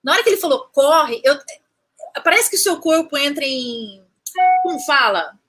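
A woman, recounting a personal story as an interview guest, animated, restarting phrases and acting out what people said. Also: high-pitched, normal speed. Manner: animated, restarts phrases, acts out quoted speech.

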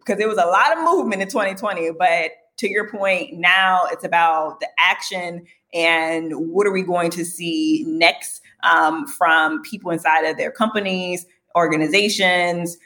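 A woman hosting a casual podcast interview, animated and laughing often, with many fillers. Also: on the low side, unhurried, hardly any pauses. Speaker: podcast host.

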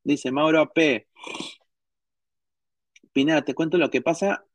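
A man's voice: a little high, fairly even intonation, a little slow, no echo. Rambling Peruvian man, dry mic. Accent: Peruvian Spanish. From Peru. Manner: rambling, many restarts and slang. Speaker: podcast host. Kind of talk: casual live-stream chat.

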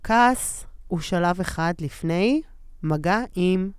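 A woman co-hosting a podcast in casual chat, telling stories with animated acted-out quotes. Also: on the low side, clean tone, no room sound, clean studio sound. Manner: animated storyteller, acts out quotes. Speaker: podcast co-host.

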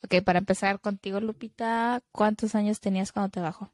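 Young woman, podcast co-host; loose, chatty, drops English lines, mid pitch, dry read. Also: fairly even intonation, fairly quick, no echo. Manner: chatty, mixes in English phrases. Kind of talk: casual chat.

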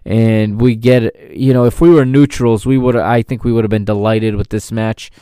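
Smooth-voiced man musing on old football. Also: on the low side, steady tone, normal speed, dark tone, no echo, clean studio sound. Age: 30s. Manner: reflective, rambling with restarts. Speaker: podcast host. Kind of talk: casual retrospective football commentary.

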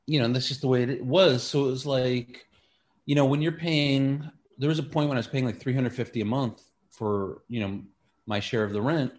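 A stand-up comedian from Queens, New York City, is a guest in an interview, talking casually and wryly. He rambles, sprinkling in plenty of "like" and "you know." His mid-range voice is a little mellow and moves at a moderate pace.

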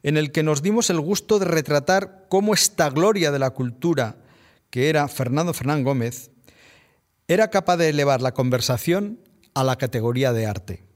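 A man with a Spanish accent hosting a podcast, reading a scripted narration in a measured, reflective way. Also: fairly high pitch, lively intonation. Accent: Spain Spanish. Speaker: podcast host.

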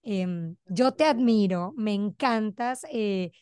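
A woman's voice: mid-range voice, slow, darkish tone, clean tone, no echo, clean studio sound. A woman in her forties hosting an interview, chatty and full of praise for her guest, acting out the quotes she tells. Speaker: podcast host. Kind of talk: casual interview chat.

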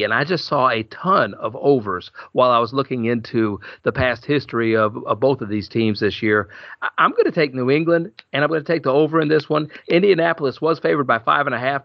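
A podcast host talks his betting picks through in a loose, rambling way. His voice has a gravelly fry to it. The sound is dry, close and a little dull. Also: mid-range voice, no room sound. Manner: chatty, rambling, quick laughs. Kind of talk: casual sports betting chat.

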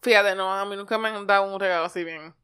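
Woman, thirties, laid-back co-host, short replies, mid pitch. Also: steady tone, quick pace, bright, forceful tone, smooth. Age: 30s. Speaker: podcast co-host. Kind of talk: casual chat.

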